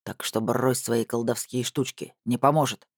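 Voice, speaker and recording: A man's voice: mid-range voice, fairly even intonation, moderate pace, dry recording, clean studio sound, voice pushed down, lightly acted. A man voicing a burly, hot-tempered male henchman in an audiobook, with mocking, blustering outbursts. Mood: jeering. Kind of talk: audiobook character voice.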